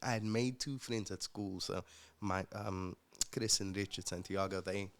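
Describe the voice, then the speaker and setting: A young man, a musician guest, telling his personal story in an earnest, reflective way with halting restarts. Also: low voice, steady tone. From South Africa.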